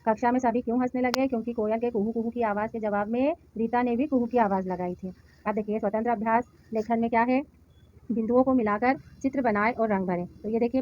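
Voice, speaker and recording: A woman teacher slowly working through a children's workbook, sounding out syllables one by one and addressing the children. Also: fairly high pitch, lo-fi sound. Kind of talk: slow classroom explanation.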